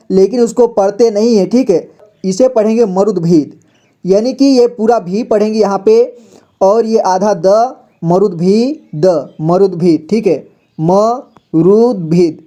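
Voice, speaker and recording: A man with a high, mellow voice gives an unhurried reading lesson. He breaks each hard word into letters, says it again and again, and keeps checking in with his learners in a patient teacher's tone. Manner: patient, repeats each word slowly and often says "ठीक है". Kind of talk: slow explanatory lesson, spelling out words.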